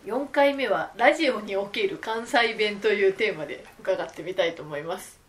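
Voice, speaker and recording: A woman reading a podcast's scripted opening in a clear, bright way. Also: medium pitch, moderate pace. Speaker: podcast announcer.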